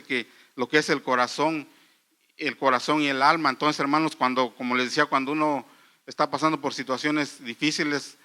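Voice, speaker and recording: A middle-aged man preaches in church with an earnest, halting delivery, circling back over his phrases and calling out to his listeners as brothers. His voice sits a little high for a man and rings very bright and forceful. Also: clean tone. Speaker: pastor. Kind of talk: sermon.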